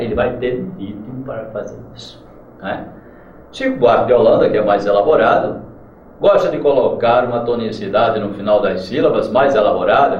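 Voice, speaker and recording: A man's voice: on the low side, a little mellow. A man with a Brazilian Portuguese accent teaching a literature lesson, explaining and chanting verse rhythms aloud. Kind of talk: classroom lecture. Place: classroom. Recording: roomy, distant, dull mic with faint noise.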